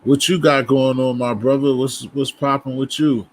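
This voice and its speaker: Hosting his own casual livestream, a Boston man greets viewers as they arrive and chats loosely, rambling and often restarting. He has a steady, mid-range voice at a moderate pace, and there's no echo.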